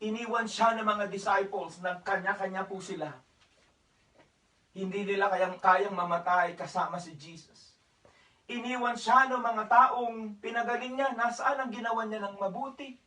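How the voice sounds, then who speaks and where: High, bright-voiced man preaching. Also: normal speed, echoey room, recorded from a distance, poor audio. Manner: polite preaching, mixing Tagalog with English phrases; raises his voice for emphasis at times. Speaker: pastor. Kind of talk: church sermon.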